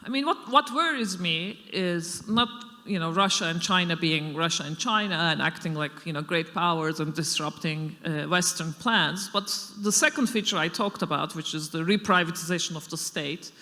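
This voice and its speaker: In an echoey lecture hall, a middle-aged woman lecturer answers audience questions off the cuff, thoughtful and full of fillers and restarts. Her voice is lowish, bright and forceful, delivered at normal speed.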